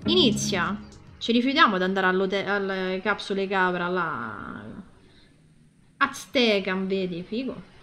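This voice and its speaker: A woman's voice: mid-range voice, lively intonation, measured pace, sharp tone, faint music behind. A woman with an Italian accent playing a story game, reading its text aloud and commenting wryly, with light swearing. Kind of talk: casual gameplay commentary with narration.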